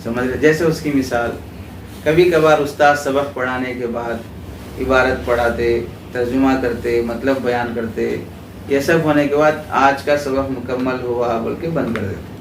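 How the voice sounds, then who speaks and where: A man's voice: mid-range voice, steady tone. A man teaching a class in a religious school with an Urdu accent, explaining terms and asking his students questions, then repeating their answers. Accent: Pakistani Urdu. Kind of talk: classroom lecture with call-and-response questions. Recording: roomy echo, distant mic, clear background noise.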